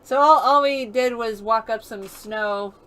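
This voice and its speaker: A woman giving casual, rambling let's-play commentary as she plays a game, chatty and quick to laugh. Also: on the high side, sharp tone, a little hiss or hum, rough recording. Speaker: gaming streamer. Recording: game music playing behind.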